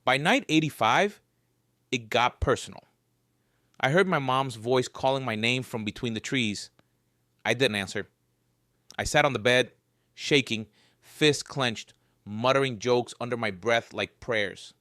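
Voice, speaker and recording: Speaking in the first person at a normal middle pitch, a wry man recounts an eerie survival tale, joking darkly even when things get grim. He goes a little slowly and leaves long pauses. The close, dry recording has no room sound.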